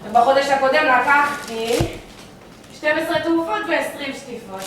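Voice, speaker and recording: A woman playing a fussy, bossy hypochondriac older man in a stage play, complaining and shouting at his servant. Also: high-pitched, slight background noise. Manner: shouting, complaining, calling out repeatedly. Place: theatre stage. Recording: echoey stage audio from far off.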